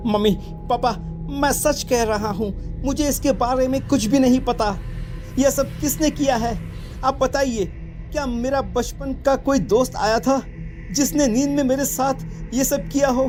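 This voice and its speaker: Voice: high voice, steady tone, a little slow, over music. A voice actor playing a confused twenty-year-old young man in a cartoon, earnestly protesting. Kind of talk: Hindi cartoon voice acting.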